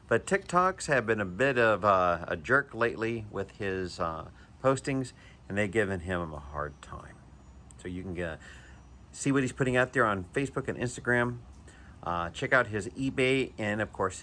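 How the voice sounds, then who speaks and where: A man with a fairly low voice talks casually through a show-and-tell of a collectible knife, eager and chatty and often restarting his sentences. A faint hiss sits under his voice. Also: bright, forceful tone. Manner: chatty and enthusiastic, with chuckles and hesitant restarts. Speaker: knife collector reviewing a purchase.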